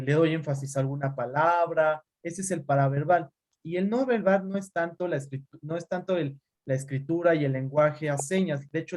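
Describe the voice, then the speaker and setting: A man's voice: fairly high pitch, darkish tone. A man teaching a class over a video call, calling on students by name and explaining with examples. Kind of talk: online class lecture.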